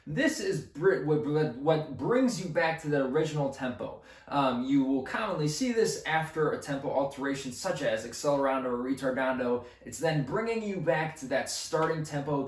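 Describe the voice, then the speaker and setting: A young man co-hosting a music lesson, explaining in an easygoing way with frequent ums. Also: fairly high pitch. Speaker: co-host music teacher. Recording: echoey room.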